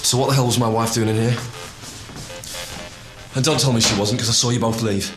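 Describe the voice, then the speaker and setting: An actor playing a jealous husband, confrontational and accusing. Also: male voice, medium pitch, steady tone, brisk, reverberant, long reverb tail, music in the background, close to an everyday voice. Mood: hostile. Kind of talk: TV drama acting.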